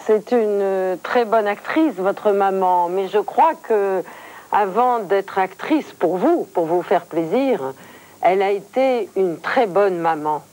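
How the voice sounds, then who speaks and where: A woman hosting a formal TV interview, speaking in measured, eloquent phrases. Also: mid-range voice, lively intonation, a little mellow.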